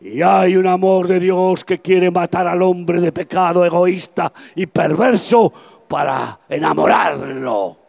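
A man in his seventies with a Spanish accent from Spain, preaching an impassioned open-air evangelistic sermon that swings between soft confiding and shouting. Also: high-pitched, slow pace, gravelly. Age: 70s. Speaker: pastor. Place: outdoors at a campaign event.

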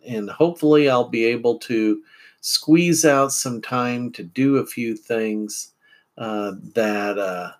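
Slow, rambling middle-aged podcast host. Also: male voice, mid-range voice. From central Illinois. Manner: rambling, unhurried, many fillers and restarts. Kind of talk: casual morning podcast chat. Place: at home.

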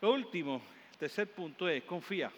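A man's voice: high-pitched, animated, moderate pace, muffled recording. A male pastor with a Caribbean Spanish accent, preaching a sermon in a church hall and building up in emphatic repeated phrases. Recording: long hall reverb, faint room noise.

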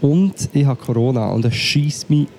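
A man's voice: mid-range voice, moderate pace, mellow. Man, Swiss German accent, podcast co-host, sick, chatty, self-mocking, faint noise. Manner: chatty, self-mocking, complains about the connection. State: sick and coughing. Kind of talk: casual chat over a remote call. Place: at home.

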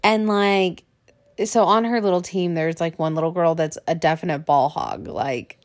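A woman's voice: on the low side, moderate pace. A woman co-hosting a casual podcast chat with her husband, chatty, laughing often, full of fillers. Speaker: podcast co-host.

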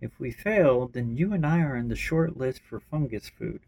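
A man's voice: medium pitch, animated, moderate pace, a little mellow. Brief: blunt, weary vampire survivor in a sci-fi storybook, near the reader's own voice, as a man voices them. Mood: determined. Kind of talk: amateur story reading.

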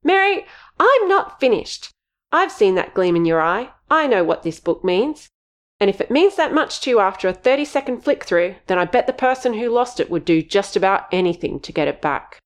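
A woman's voice: expressive, fairly quick, hardly any pauses, clean tone. A woman reading an audiobook, voicing a stern, suspicious middle-aged mother who speaks in an accusing tone. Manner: accusing, high-pitched and loud.

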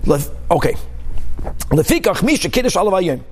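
A man with a high-pitched voice teaches a religious class as a rabbi. He reads from a text and explains it informally, using examples, repetition and rhetorical questions to make each point. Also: sing-song, normal speed, husky. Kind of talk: religious text lesson, reading aloud and explaining.

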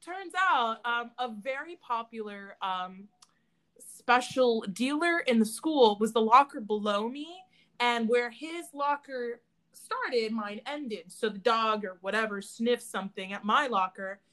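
A young woman co-hosting a casual podcast, telling high school stories with laughter and acted-out voices. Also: a little slow. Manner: animated, laughing, acts out voices in her stories. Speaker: podcast co-host. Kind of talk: casual storytelling chat.

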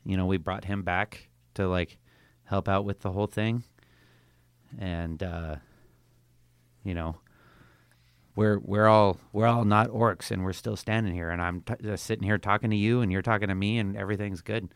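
A man with a lowish, gravelly voice playing a tabletop game, earnest and playful in character. The recording is dry and close. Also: fairly even intonation, normal speed, pauses often, dry recording. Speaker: player. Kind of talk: casual tabletop role-play.

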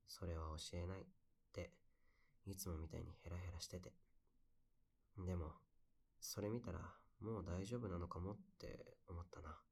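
The character is a young man with a low, creaky voice, voiced by a male actor in a bedside audio drama. Soft-spoken and wistful, he recounts his memories in a close, intimate way, as if to one listener.

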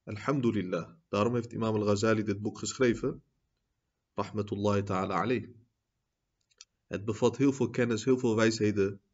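Man, religious teacher, lecture, husky voice, Arabic phrases, loud emphatic peaks, muffled recording. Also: steady tone, moderate pace, pauses often. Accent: Dutch. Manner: rises to loud, high-pitched emphasis when making a point; peppers speech with Arabic phrases and repeated "zie je?". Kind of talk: lecture on a classical book.

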